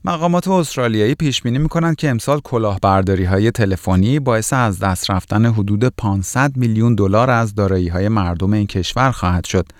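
Low-pitched male news reader, close dry sound. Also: dry recording. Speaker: news presenter. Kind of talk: scripted news narration.

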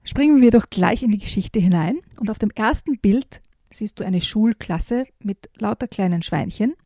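Female reader-host, children's book read-aloud; mellow timbre with vocal fry. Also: medium pitch, no room sound, clean studio sound. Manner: lively storyteller with pauses and fillers. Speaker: story reader and book reviewer. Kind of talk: reading a picture book aloud, then discussing it.

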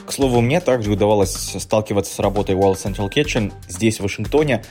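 A man's voice: on the low side, fast talker, over music. A man delivering a news report as a correspondent.

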